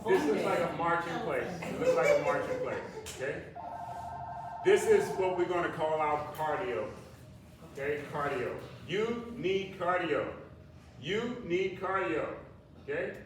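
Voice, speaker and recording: A man's voice: fairly high pitch, animated, a little slow. A man giving an informal, plain-spoken fitness explanation to an exercise class, often checking in with the group. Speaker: group exercise instructor for seniors. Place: large echoey indoor room at a senior center. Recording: echoey room, distant mic, faint noise.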